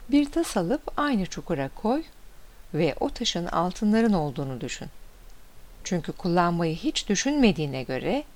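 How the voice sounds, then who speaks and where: A woman's voice: on the low side, very animated, normal speed. A woman voicing a consoling neighbour man. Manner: soothing, advising.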